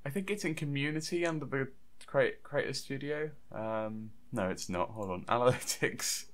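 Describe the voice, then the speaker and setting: A man's voice: mid-range voice, normal speed. A young man hosting a casual chat show, talking in a rambling, stop-start way and laughing often. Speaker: podcast host.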